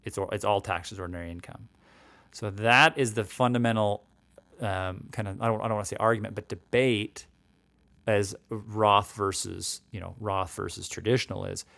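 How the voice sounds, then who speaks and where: With a steady, slightly bright, creaky lowish voice at moderate pace, this financial educator in his forties covers taxes and retirement savings. There's no room sound. He keeps it conversational, asking "right?" often and restarting sentences.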